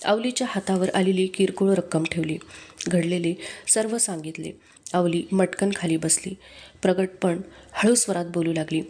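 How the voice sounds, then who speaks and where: A woman reading a book aloud in a steady, measured narration. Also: on the low side, husky. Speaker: book reader.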